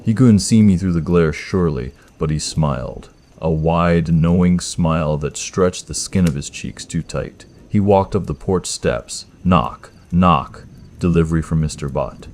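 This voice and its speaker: A man narrating a first-person horror story in a tense, measured scripted style. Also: sits low, dark tone.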